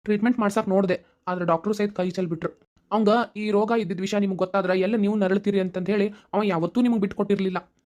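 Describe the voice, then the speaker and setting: A woman's voice: mid-range voice, fairly even intonation, fast talker, darkish tone, natural voice. A woman voicing a wealthy, kindly middle-aged family friend in a cartoon, speaking earnestly in a North Karnataka Kannada accent. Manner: earnest, reassuring, long explaining speeches. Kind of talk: cartoon voice acting.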